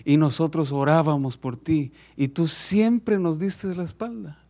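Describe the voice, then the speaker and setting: A man's voice: a little high, measured pace, dark tone. A man voicing a little girl who pleads with her father and then solemnly reproaches him, acted within a sermon. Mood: reproachful.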